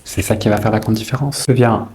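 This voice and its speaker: Man, lowish voice, chatty teasing makeup-tutorial host, faint background hiss. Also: fairly quick, darkish tone. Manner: chatty and teasing, with playful asides.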